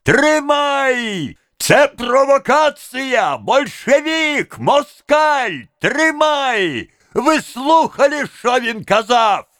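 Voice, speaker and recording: Shrill, cracked, whining heckler in a storybook crowd. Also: male voice, very animated, very slow, hardly any pauses, a bit bright, no room sound, clean studio sound, full character voice. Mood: spiteful. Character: cracked, spiteful, whiny man in a crowd.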